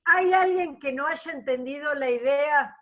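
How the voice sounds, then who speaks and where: A woman's voice: sits high, a little slow. A woman teaching a math class online, patient and explanatory, often checking that students follow.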